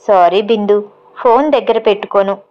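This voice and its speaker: A woman's voice: medium pitch, steady tone, moderate pace, lo-fi sound, lightly acted. A woman reading the lines of an easygoing young man who jokes lightly. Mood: joking.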